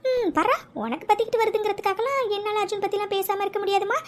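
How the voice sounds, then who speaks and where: A very high, girlish voice for a lovestruck young woman in a homemade cartoon serial, performed by a woman. She frets to herself and stammers when cornered. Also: fairly even intonation, quick pace. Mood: teasing. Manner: flustered, stammering, talks to herself. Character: young woman dreaming of a mystery lover.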